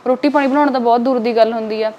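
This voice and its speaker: A young woman from Punjab with a high, lively voice talks fast and frankly as an interview guest. She keeps tagging her sentences with little fillers. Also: lo-fi sound. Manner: quick, frank and plain-spoken, with many filler tags. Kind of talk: casual interview talk.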